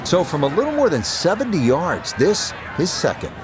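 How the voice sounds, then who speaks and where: A man doing measured television-style golf commentary for a video game, with outdoor crowd ambience behind him. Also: fairly high pitch, wildly swooping pitch, background noise. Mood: measured, approving.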